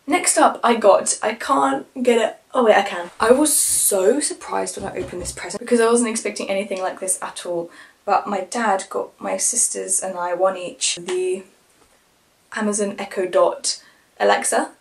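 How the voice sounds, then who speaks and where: An excitable teenage girl talks through her haul in a loose, chatty way. She gushes and rambles at a middling pitch, like a casual vlogger talking to her viewers. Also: normal speed, gravelly.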